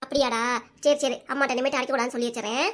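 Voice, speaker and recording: A cartoon grandmother coaxing and calming the family , as a woman plays her. Her voice sits high and moves along quickly. She has a southern Tamil accent. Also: natural voice. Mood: soothing. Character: soothing grandmother.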